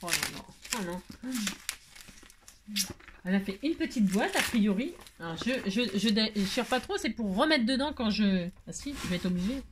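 A woman's voice: medium pitch, animated, normal speed, noisy background. A woman craft vlogger chatting to her viewers while opening mail, effusive and gushing, repeating her exclamations and often trailing off to restart. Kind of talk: casual chat to viewers.

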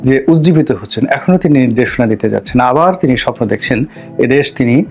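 A man talks through political events in a long commentary monologue. He speaks deliberately and emphatically and builds his argument as a list of points. The sound is a little dull, with faint music underneath. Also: mid-range voice, expressive, darkish tone.

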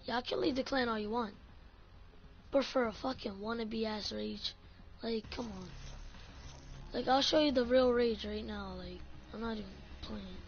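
A woman's voice: on the high side, a little slow, pauses often. A woman ranting in a casual vlog about her gaming clan, swearing often and saying "like" a lot. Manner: ranting, profane, full of "like". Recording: dull lo-fi audio, faint music.

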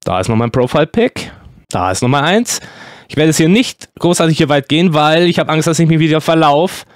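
A man commenting excitedly on a horror game as a let's-play host, exclaiming and yelping often. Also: fairly high pitch, brisk, dry recording, clean studio sound. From Germany. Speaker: gaming YouTuber.

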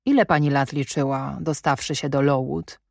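A brusque, commanding gentleman, as a woman reads him aloud for an audiobook, questioning sharply and with dry irony. The voice sits low and is heard close and dry, with no room sound. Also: fairly even intonation, moderate pace, vocal fry, no room sound, exaggerated voice. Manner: imperious, probing, sardonic. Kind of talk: audiobook reading.

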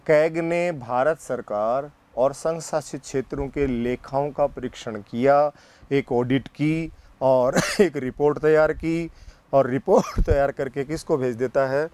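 A man with a mid-range, darkish voice gives a political science lecture in a classroom. He poses questions, answers them himself, and repeats the key points in a slow, deliberate way.

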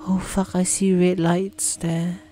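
A woman's voice: on the low side, level tone, takes it slowly. A woman casually playing a story game, reading its lines aloud, slipping into whispers at times and swearing now and then. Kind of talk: casual gameplay commentary. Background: game music.

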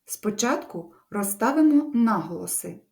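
A woman teaches a literature lesson, moving her voice expressively as she walks pupils through the text. She speaks to them with warm encouragement, at a middle pitch for a woman. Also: measured pace, creaky. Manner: expressive, lively storytelling delivery.

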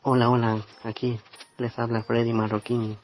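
A man from Guatemala, giving a rambling holiday blessing with pauses. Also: medium pitch, flat delivery, loud music behind the voice. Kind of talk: recorded holiday greeting.

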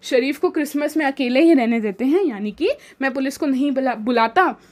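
Stern wealthy iron master, as a woman teacher reads him, high-pitched, lesson-style retelling. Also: a little mellow, natural voice. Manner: reads book lines slowly, retells in Hindi.

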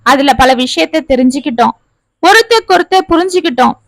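A woman's voice: high-pitched, expressive, fast talker, dry recording. A woman voicing a young married man who is earnestly admitting his faults to his wife in a family story. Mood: relieved. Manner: earnest, remorseful reflection. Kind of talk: storytelling narration.

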